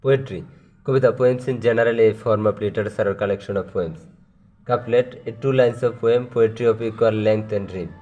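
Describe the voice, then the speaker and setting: A Bangladeshi-accented man gives a lesson, reading out terms and explaining each in turn. He talks very slowly in a darkish, mellow, fairly low voice. He moves between English and Bengali and pauses on long fillers. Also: dull audio. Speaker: teacher.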